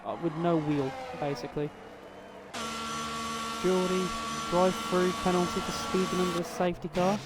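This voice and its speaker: A weary man with a fairly high voice commentates a sim race in a loose, chatty way, talking straight to drivers and viewers. His stream mic carries a clear layer of noise behind him. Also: flat delivery, moderate pace. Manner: laid-back, chatty, addresses viewers and drivers directly. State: tired. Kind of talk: live sim racing commentary.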